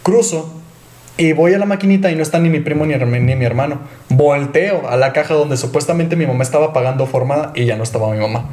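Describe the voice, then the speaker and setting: A man's voice: on the high side, fast, a little mellow. Young guy telling an embarrassing kid story, rambly, echoey room. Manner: rambling, self-conscious, laughs at himself. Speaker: podcast co-host. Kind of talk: casual storytelling among friends.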